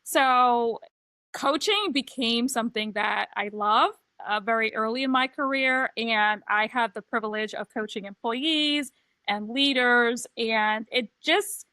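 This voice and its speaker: A middle-aged woman from Trinidad and Tobago, a transition coach, co-hosts a casual podcast and shares her own story in a candid, reflective way. Her voice is on the high side, bright and pushed, unhurried in pace, with no room sound.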